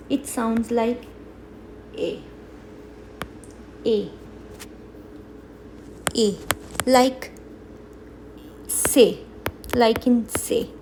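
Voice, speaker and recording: Slow-spoken woman teaching beginners. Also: fairly high pitch, warm tone, a little hiss or hum, rough recording. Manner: slow, careful teaching with repeated example words. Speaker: French teacher. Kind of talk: beginner language lesson.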